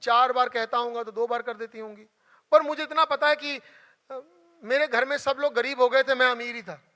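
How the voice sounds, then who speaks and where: A man's voice: extremely high pitch, steady tone, moderate pace, bright, forceful tone. A young adult man giving an emotional motivational talk, telling a personal story with earnest repetition for emphasis. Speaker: motivational speaker. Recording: hall reverb.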